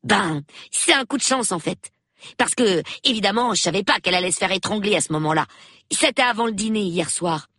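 A woman reading an audiobook, voicing a cheeky, excited young boy who chatters quickly and eagerly. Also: medium pitch, breathy edge, dry recording, studio quality, voice pushed up.

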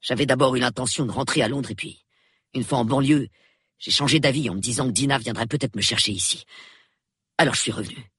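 A man reading an audiobook, voicing a nervy, sulky young artist who talks in a rushed, shaky, sullen way. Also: mid-range voice, a bit bright, husky, dry recording, clean studio sound. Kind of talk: audiobook character voice.

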